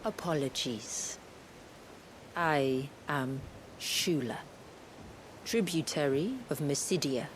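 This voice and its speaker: An actress playing a calm, secretive woman who speaks for a hidden tribe, in a video game, in a measured, solemn way. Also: low-pitched, a little hiss or hum.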